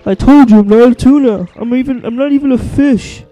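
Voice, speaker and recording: A man's voice: very high voice, brisk, warm tone, dry recording, faint music behind, low-quality recording. Young man reading as a meek big whale. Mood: complaining. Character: big gentle male whale with a headache.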